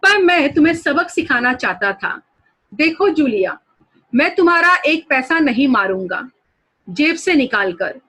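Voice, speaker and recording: A woman's voice: high voice, big pitch swings, unhurried, bright, forceful tone, exaggerated voice. A woman voicing an angry, stingy male employer who scolds his servant in an agitated way, read aloud during a lesson. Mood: calmer.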